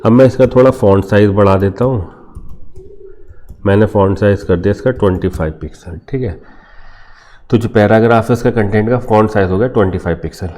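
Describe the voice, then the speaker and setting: Mellow-voiced man teaching a coding lesson. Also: on the low side, brisk. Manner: explains step by step, asks and answers imagined student questions. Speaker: programming teacher. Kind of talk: screen-share coding tutorial.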